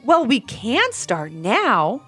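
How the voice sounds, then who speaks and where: A curious little girl who gets excited easily, voiced by a woman storyteller. Her voice rises high and jumps around. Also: takes it slowly, breathy edge, faint music behind, full character voice. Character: curious young girl, playful sister.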